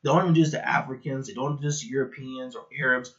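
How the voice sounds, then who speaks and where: A man from Latin America giving heated, indignant reaction commentary that rises to loud outbursts. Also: medium pitch, fast talker. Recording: dull lo-fi audio.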